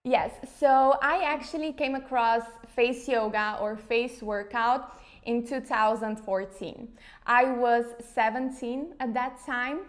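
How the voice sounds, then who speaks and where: A woman's voice: fairly high pitch, steady tone, takes it slowly, faint music behind. A woman in her thirties from Slovenia, an English speaker, chatting casually in an interview with frequent fillers like "you know". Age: 30s. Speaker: interview guest, face yoga founder.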